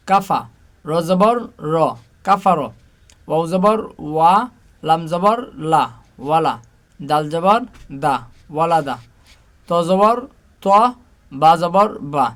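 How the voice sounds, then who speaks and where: Male Quran teacher, fairly high voice, slow patient letter-by-letter drilling. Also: a bit bright. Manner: slow, patient drilling, asking and answering his own questions. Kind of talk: spelling Arabic letters aloud with vowel marks.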